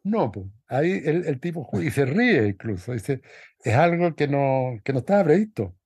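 A man's voice: a little high, very animated, normal speed, a little mellow, husky, no room sound. Dry-sounding man musing on film. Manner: thoughtful, rambling, many restarts. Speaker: podcast co-host. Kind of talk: casual film discussion.

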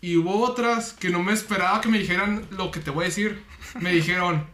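A man's voice: high voice, fairly quick, pushed and bright. A man with a Mexican accent chatting casually and candidly, poking fun at himself. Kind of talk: casual podcast chat. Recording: roomy echo.

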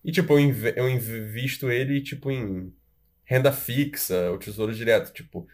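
A man's voice: mid-range voice, normal speed, darkish tone. A young man with a Brazilian Portuguese accent chatting casually with friends, slangy and self-deprecating. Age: young adult. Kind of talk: casual chat among friends.

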